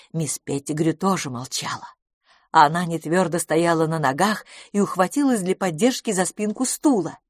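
Expressive woman audiobook narrator. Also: sits low, dry recording, studio quality.

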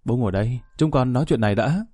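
A man's voice: mid-range voice, expressive, fast talker, mellow, no room sound, studio quality, natural voice. A man voicing a grown daughter who coaxes and presses her father insistently. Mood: coaxing. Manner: coaxing, insistent. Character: grown daughter, persistent and coaxing.

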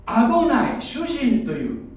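A man's voice: extremely high pitch, huge pitch swings, unhurried, a little mellow, slight background noise. A man preaching a sermon, explaining like a teacher and asking the audience questions. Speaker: pastor. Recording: echoey room, voice from far off.

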